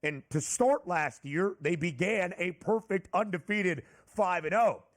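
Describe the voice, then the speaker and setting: A high-voiced man hosts a sports betting talk, briskly reeling off odds and team records. He steers the chat and puts questions to his co-host. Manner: brisk, numbers-heavy analysis, leading the questions.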